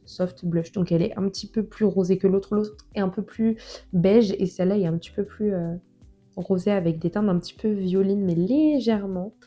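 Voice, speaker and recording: Chatty woman with a mellow voice. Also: mid-range voice. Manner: chatty, full of fillers, self-deprecating. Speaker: nail product reviewer. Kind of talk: casual product presentation.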